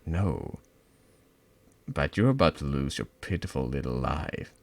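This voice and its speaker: A man's voice: extremely low pitch, big pitch swings, measured pace, vocal fry, no echo, exaggerated voice. A man voicing a cruel teenage girl who taunts and threatens her friend in a cold, menacing way.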